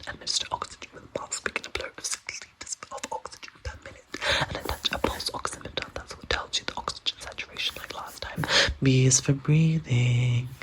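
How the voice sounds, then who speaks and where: Someone reading aloud for ASMR in a breathy, unvoiced whisper, softly repeating words and phrases and adding casual asides. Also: mid-range voice, low-quality recording. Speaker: ASMR host reading a medical handbook aloud.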